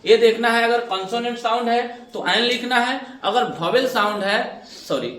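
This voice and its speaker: A man's voice: extremely high pitch, normal speed, a bit bright. A man teaching an English grammar lesson step by step, asking questions and answering them himself, calling his students "babu". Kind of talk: classroom lesson explanation. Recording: echoey room, voice from a distance.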